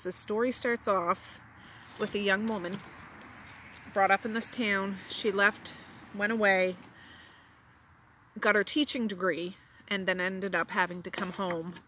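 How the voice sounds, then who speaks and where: A woman's voice: medium pitch, a bit bright, slight background noise. Chatty woman hosting a homey book chat. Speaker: book vlog host. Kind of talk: casual book chat over tea. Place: home, indoors.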